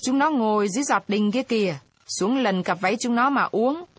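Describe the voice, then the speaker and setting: A woman's voice: a little high, a little fast, breathy edge, dry recording. A woman reading aloud, voicing a greedy, boastful male village chief who drawls his words.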